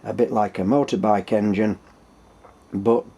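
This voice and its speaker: Yorkshire man with a lowish voice. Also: steady tone, unhurried, vocal fry, warm tone, slightly rough, lo-fi sound. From Yorkshire, England. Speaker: host of a workshop engineering channel. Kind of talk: casual explanatory tutorial.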